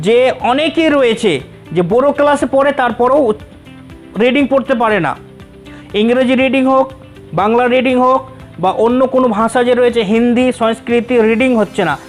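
Very high-voiced man drilling a reading lesson. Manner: repeats syllables slowly to drill pronunciation; addresses students familiarly. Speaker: teacher.

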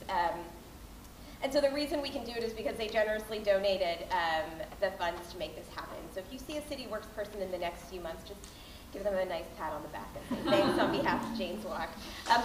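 A Canadian woman in her thirties gives a casual, bubbly announcement in an everyday voice of middling pitch. She fills her talk with ums and likes. She is caught by a distant camera in a large, reverberant hall with faint background hiss. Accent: Canadian English. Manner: bubbly, chatty, many fillers. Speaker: board chair announcing grants. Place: large hall with a mural, indoors. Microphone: far camera, no microphone.

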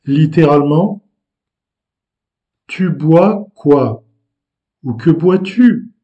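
A man teaching vocabulary to learners, patient and explaining with hesitant pauses. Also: a little high, expressive, lo-fi sound. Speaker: language teacher.

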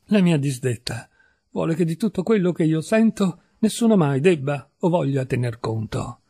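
Husky man reading a story aloud. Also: on the high side. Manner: measured, expressive first-person storytelling. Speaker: reader of literature. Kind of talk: audiobook reading of a short story.

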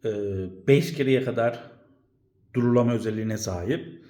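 A man's voice: medium pitch, moderate pace, mellow. Man in a very echoey bare room. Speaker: home appliance vlogger. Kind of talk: casual explainer to camera. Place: indoors at home, room without carpets.

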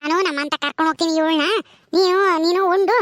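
Woman as an older village woman, coaxing, high bright voice. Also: steady tone, fast talker, slight background noise. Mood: soothing. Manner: coaxing, gently reproachful. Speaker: actor in a village drama. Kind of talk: village skit acting.

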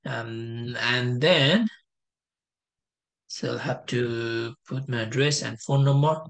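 A man's voice: mid-range voice, slow pace, a bit bright. Young man explaining over a headset. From Nepal. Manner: explanatory, casual, with frequent fillers and restarts. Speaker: test prep tutor. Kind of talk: screen-share walkthrough tutorial. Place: indoor home room.

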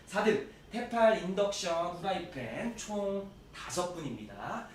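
Male prize-draw host: booming, emphatic announcer, highly animated, recorded in an echoey room. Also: a little slow. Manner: formal, polite, emphatic delivery. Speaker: host of a prize draw live stream, actor. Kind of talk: live event announcing. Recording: echoey room, distant mic, faint noise.

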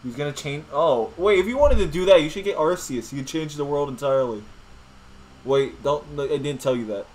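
A man's voice: on the high side, a little fast, darkish tone, low-quality recording. A young man doing casual, jokey gameplay commentary as he hosts a gaming video. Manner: jokey, laughs while talking.

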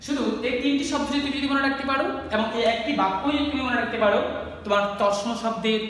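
A man's voice: very high voice, quick pace, fairly bright tone. A man with a Bangladeshi Bengali accent teaching a grammar lesson, who explains step by step and asks and answers his own questions. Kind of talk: board lesson for students. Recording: echoey room from far off, faint hiss.

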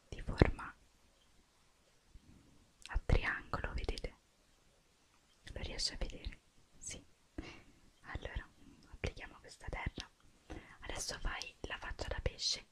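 Slow, soft-whispering woman. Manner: soft whispering, gentle step-by-step instructions to the listener. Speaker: makeup artist in a roleplay. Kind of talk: whispered ASMR roleplay.

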